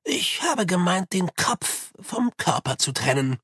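A man voicing a calm, pedantic older male monk who talks in a measured, lecturing way. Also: sits high, slightly rough, no echo, studio quality, pitched above the performer's own voice, heavily acted.

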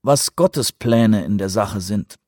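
A man voicing a thoughtful, pious male president in an audiobook, measured and slow. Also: fairly low pitch, a little mellow, no room sound, studio quality.

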